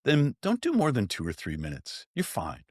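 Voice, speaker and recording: A man's voice: medium pitch, moderate pace, husky, no room sound, clean studio sound. A man who founded an ice bath company, telling stories in a podcast interview and acting out the voices of the people he quotes. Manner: animated storyteller, acts out quoted voices.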